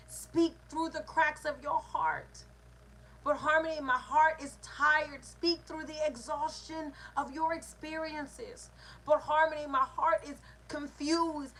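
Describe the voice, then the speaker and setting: Emphatic high-voiced woman giving motivational talk. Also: pushed and bright, low-quality recording. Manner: preachy, emphatic, repetitive call-and-response phrasing. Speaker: host of a manifestation talk. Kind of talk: motivational live-stream talk.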